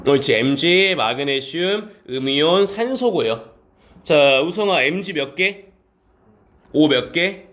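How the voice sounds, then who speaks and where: A male teacher lectures a class, quizzing students by name and answering his own questions as he goes. His voice sits high and moves up and down a lot. He mixes polite speech with casual talk. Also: expressive, slow pace, fairly bright tone. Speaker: science teacher.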